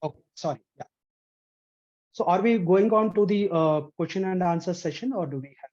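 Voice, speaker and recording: A man's voice: sits high, normal speed, a little mellow. A man on a video call checking that he can be heard, his voice coming through glitchy and muffled. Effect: glitching muffled video-call audio. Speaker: webinar panelist. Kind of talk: casual chat. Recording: dull distant call audio.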